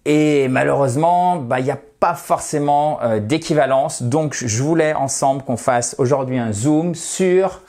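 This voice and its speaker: A man's voice: mid-range voice, unhurried, hardly any pauses, a little mellow. A man teaching English in an online video lesson, explaining patiently step by step and addressing viewers as dear friends.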